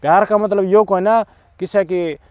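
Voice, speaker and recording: A middle-aged channel host with a Haryanvi accent gives emphatic, preachy social commentary, alternating loud outbursts with muttered asides. His voice is high and steady, clean in tone, at normal speed, captured in a dry recording.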